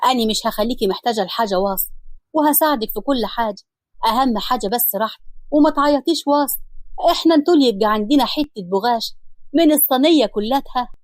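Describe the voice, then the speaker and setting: A woman's voice: fairly high pitch, quick pace, darkish tone, dry recording, natural voice. A woman voicing a young village husband from Egypt, teasing and affectionate. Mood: teasing, loving. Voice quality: playful teasing banter.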